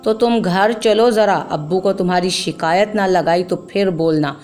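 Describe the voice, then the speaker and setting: A woman's voice: fairly low pitch, moderate pace, darkish tone, natural voice. A woman voicing a spoiled little boy who threatens and mocks his sister, over faint music. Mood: bossy. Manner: threatening, mocking.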